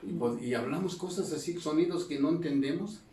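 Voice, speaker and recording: A man's voice: a little high, fairly quick, mellow, a little hiss or hum. A male pastor leading a Bible study, teaching in a conversational way and checking in with the congregation through constant tag questions. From Mexico. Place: church hall. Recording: echoey room, distant mic, faint ambience.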